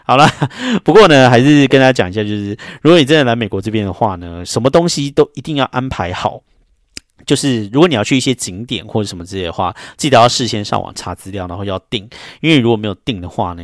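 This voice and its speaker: A man's voice: lowish voice, dry recording, clean studio sound. A middle-aged man hosting a casual solo podcast, chatty and given to emphatic rants. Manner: chatty, ranting, with emphatic complaints. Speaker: podcast host.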